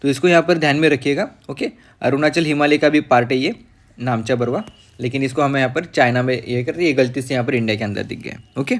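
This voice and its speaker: A man teaching geography from a map for exam students, pausing with fillers and saying "okay" after nearly every point. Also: medium pitch. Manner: repeats "okay" after nearly every point, mixing English terms into Hindi; pauses with fillers and self-corrections while reading the map. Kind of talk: map-based lecture.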